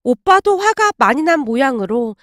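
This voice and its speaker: Woman narrator for a drama story channel; high, lively delivery, dry close mic. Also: moderate pace, dry recording. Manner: expressive, storytelling. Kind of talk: scripted narration of a family drama.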